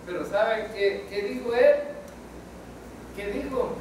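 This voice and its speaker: A man's voice: high-pitched, takes it slowly, a little mellow, slight background noise. A man preaching a Bible study sermon as pastor, often asking the congregation questions. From El Salvador. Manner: asks the congregation questions, repeating "¿verdad?". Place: church. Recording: echoey church hall, mic at a distance.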